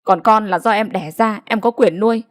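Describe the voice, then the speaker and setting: A woman's voice: medium pitch, brisk, no echo, studio quality, lightly acted. A woman voicing a distraught young village wife who protests bitterly through tears in a storybook reading. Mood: tearful indignant. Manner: pleading, then bitterly protesting.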